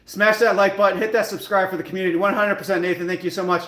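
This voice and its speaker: A late-thirties American man streams his workout from an indoor gym, chatting casually and motivationally with lots of repetition. He speaks very fast in a high, fairly bright voice with fairly even intonation. The recording has an echoey room sound.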